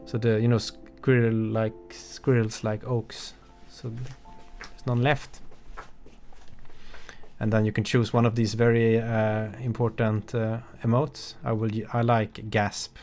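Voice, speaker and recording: A man, a game developer, giving relaxed, halting commentary on his own game with an amused tone. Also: fairly low pitch, faint music behind.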